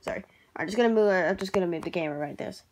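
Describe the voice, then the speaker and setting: A woman vlogging casually in a hesitant, rambling way, restarting her words, clearing her throat and apologizing often. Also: on the low side, very fast, darkish tone. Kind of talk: casual vlog talk while working at a computer.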